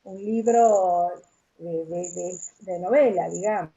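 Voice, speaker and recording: A woman's voice: fairly low pitch, slow pace, gravelly, mellow. A woman author, talking about her books on a video call, hesitant with fillers. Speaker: author guest. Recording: dull lo-fi call audio.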